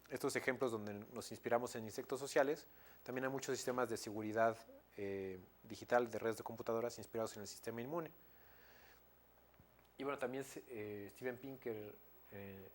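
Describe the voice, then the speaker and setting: A man's voice: on the low side, a little hiss or hum. Hesitant male lecturer with a Mexican accent. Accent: Mexican Spanish. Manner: hesitant, many fillers and restarts, frequent tag questions. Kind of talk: academic lecture.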